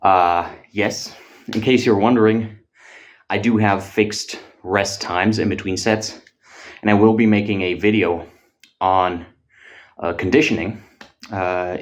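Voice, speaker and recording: A fitness vlogger talking casually between gym sets. He is out of breath and speaks haltingly, with frequent filler pauses and casual swearing. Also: sits low, steady tone.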